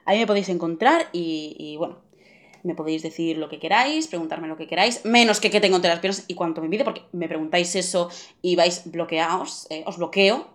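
Young woman podcast host, exasperated solo rant, sarcastic, lowish voice. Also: a little fast. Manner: exasperated, ranting with sarcastic asides. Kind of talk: venting monologue.

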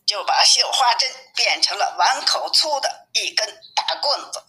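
A woman reading a classic tale aloud with lively, expressive storytelling. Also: fairly high pitch, moderate pace, low-quality recording.

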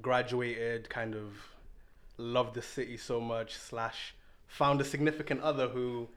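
A young man from Zimbabwe joins a faith podcast as a guest. He talks in a laid-back way and jokes around with the others. His voice sits at a middle pitch. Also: flat delivery, measured pace, fairly bright tone. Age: young adult. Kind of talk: casual podcast chat.

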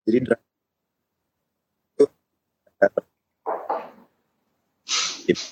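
Man on a choppy, cutting-out call. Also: darkish tone. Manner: halting, repeats words. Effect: choppy, cutting-out internet call audio. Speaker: cafe founder, podcast guest. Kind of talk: casual chat over a video call. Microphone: video call.

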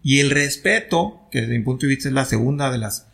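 A man hosts a conversation, laying out his points with plain examples and checking that the listener follows. His voice has a gravelly fry and a bright, forward edge. He sits at a middle pitch for a man. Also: expressive, a little fast. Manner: explains with everyday examples and asks if he is understood. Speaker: host. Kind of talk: conversational teaching.

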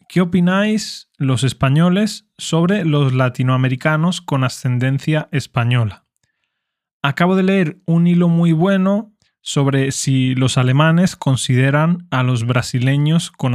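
A man from Spain with a Spanish accent, reading listener questions aloud and answering them in a clear, explanatory way. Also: a little high, unhurried, darkish tone, no echo, clean studio sound. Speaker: Spanish teacher podcast host.

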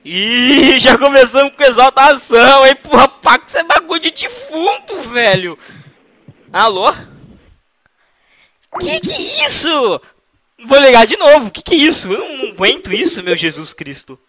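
A man's voice: extremely high pitch, animated, moderate pace, sharp tone, dry recording. A man making a prank phone call, teasing the person on the line in a playful, mock-innocent way. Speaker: prank caller.

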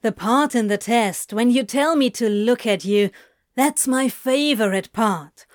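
Woman doing a flustered male demon, blunt, clipped, offhand, unhurried, fairly high voice. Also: dry recording, clean studio sound, lightly acted. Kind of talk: fan audiobook reading.

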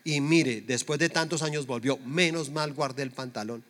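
A man's voice: mid-range voice, moderate pace, fairly bright tone. A middle-aged man preaching a conversational sermon, full of rhetorical questions to the congregation. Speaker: pastor.

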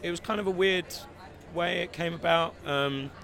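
A man with an English accent, an actor from London, chatting in an outdoor red-carpet interview with relaxed, dry humor. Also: on the high side, moderate pace, gravelly. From London, England. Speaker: actor, guest. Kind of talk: casual interview chat.

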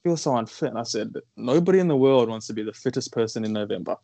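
A man's voice: lowish voice, expressive, fast talker, creaky, warm tone, no room sound. A man giving his opinions on running in a casual podcast chat, rambling and using "like" a lot. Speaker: runner guest.

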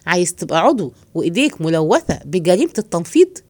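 A woman with an Egyptian accent voicing a scheming, henpecked middle-aged man who plots in hushed tones. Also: sing-song, fast talker, dry recording. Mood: indignant. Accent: Egyptian Arabic. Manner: low hushed plotting tone.

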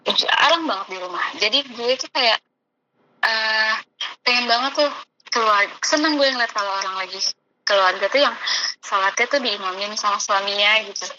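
Speaking at a normal speed in a mid-range voice, a young woman shares her story as a guest in a relaxed, chatty conversation, dropping Jakarta slang as she talks about her life. The audio is muffled and carries distinct background noise.

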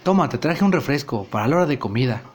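A man voicing a soft-spoken, pious man trying to reform himself, talking in a subdued, preachy way. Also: medium pitch, expressive, drawn-out words, slight background noise, pitched below the performer's own voice. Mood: meek.

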